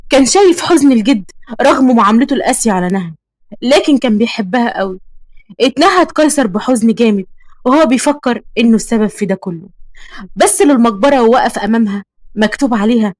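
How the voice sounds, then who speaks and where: A woman's voice: fairly high pitch, no room sound. A woman with an Egyptian accent narrating a romantic story in a dramatic, emotional way.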